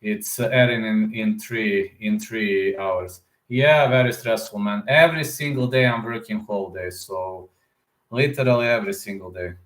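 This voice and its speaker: A combat sports YouTuber chats casually on a live stream, his fairly low, fairly bright voice moving at a moderate pace through a roomy echo. He rambles, reads viewer comments aloud and answers them, repeating words and often ending with "man."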